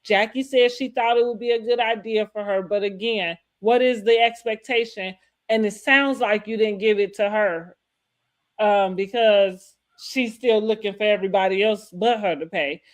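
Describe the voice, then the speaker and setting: A woman's voice: medium pitch, fairly even intonation, moderate pace. A woman co-hosting a casual, opinionated recap chat, rambling and often restating her points mid-thought. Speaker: co-host of a reality TV recap show.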